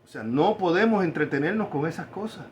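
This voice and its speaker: A man preaching a sermon, stressing key words by drawing them out slowly. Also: a little high, expressive. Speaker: pastor.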